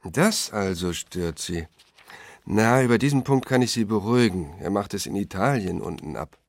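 A man's voice: fairly low pitch, expressive, normal speed, dry recording. A man voicing an amused, condescending middle-aged male newspaper editor who talks with smug, mocking ease, in an audiobook.

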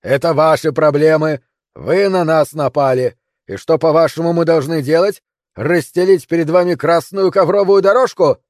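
A man reading an audiobook, voicing a brash, rude male castle guard who shouts mockingly down from the battlements. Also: a little high, normal speed, no room sound, studio quality, voice pushed up, close to an everyday voice. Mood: defiant shouting. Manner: loud, mocking, shouted back and forth.

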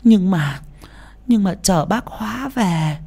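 A woman voicing a frail, timid, loving old grandmother who stammers and pleads softly in an audio story. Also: mid-range voice, animated, slow, gravelly, breathy edge, full character voice. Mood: tender.

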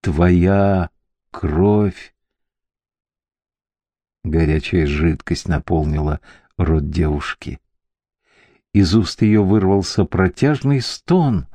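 A man narrating a dark fantasy audiobook in a measured, theatrical manner on a close mic. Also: sits low, husky, no echo.

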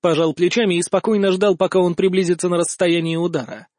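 A man's voice: high-pitched, steady tone, quick pace, a little mellow, dry recording. A man narrating a fantasy audiobook in the first person with a dry, wry manner.

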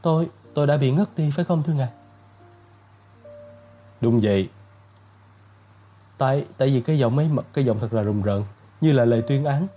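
A man's voice: medium pitch, a little fast, long pauses, dark tone, soft background music, lightly acted. A male narrator voicing a frightened middle-aged maid who stammers breathlessly, with the voice raised. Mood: shaken.

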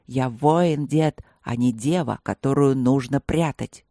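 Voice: mid-range voice, takes it slowly, no echo, clean studio sound, voice pushed down. A reader voicing a proud young warrior tiger who speaks curtly and heavily. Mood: fierce. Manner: flat and heavy, curt.

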